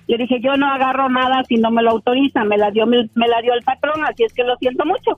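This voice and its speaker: A woman's voice: on the high side, steady tone, fast, no room sound, faint music behind. A woman calling in by phone, telling an indignant story with lots of energy. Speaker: caller. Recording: tinny phone line.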